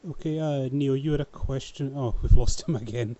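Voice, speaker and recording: A man's voice: mid-range voice, moderate pace, mellow. A man with a thick Scottish accent hosting an informal live panel chat over an online call. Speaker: host of a live panel show. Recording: muffled online call audio.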